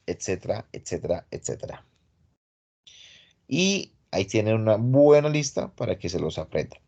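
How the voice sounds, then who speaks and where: A man's voice: on the low side, gravelly, a little mellow, highs cut off. A man teaching English grammar in an online class, explaining step by step in a patient, casual way over a computer mic. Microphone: computer mic on a video call.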